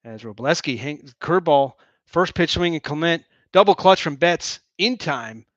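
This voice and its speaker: A male fan host calls the game in a joking, rambling play-by-play with plenty of excitement. His voice sits a little high. The sound is dull and lo-fi, from a dry room. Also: moderate pace, no room sound. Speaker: host of a fan watch-along broadcast.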